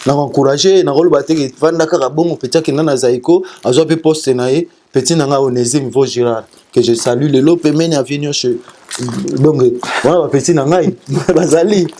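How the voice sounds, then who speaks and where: Guy singer in a chill interview, mellow low-ish voice, keeps stuttering ba ba ba. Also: slight background noise. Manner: halting, repeats syllables and restarts. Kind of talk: casual interview, sending greetings.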